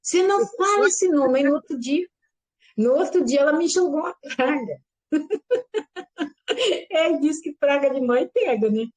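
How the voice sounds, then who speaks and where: A middle-aged woman giving a lively personal religious testimony, acting out the voices in her story and calling her listeners brothers and sisters. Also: high voice, measured pace, long pauses. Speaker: church member giving testimony.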